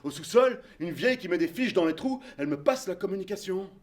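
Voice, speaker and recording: A man's voice: sits high, animated, brisk. A man with a Belgian French accent telling a comic one-man-show story in a hesitant, self-mocking way, acting out all the voices. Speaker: comedian.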